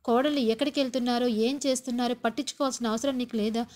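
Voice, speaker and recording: A woman's voice: on the high side, fairly even intonation, racing, a little mellow, natural voice. A woman voicing a stern, angry older father-in-law who scolds his family in a retold TV serial. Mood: scolding. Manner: scolding, lecturing.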